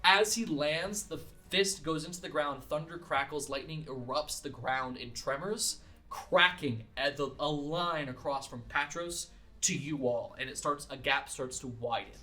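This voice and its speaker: A man narrating as game master of a tabletop game in a casual, animated way. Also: on the high side, a little slow. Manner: casual, animated, swears and laughs while narrating.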